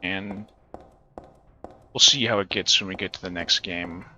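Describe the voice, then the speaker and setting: A man's voice: low voice, steady tone, measured pace, pushed and bright, muffled recording, slight background noise. A man casually talking while streaming a horror game, rambling, swearing and joking to himself. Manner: rambling, profane, jokey asides. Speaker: gaming streamer. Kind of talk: casual let's-play commentary. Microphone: phone stream setup.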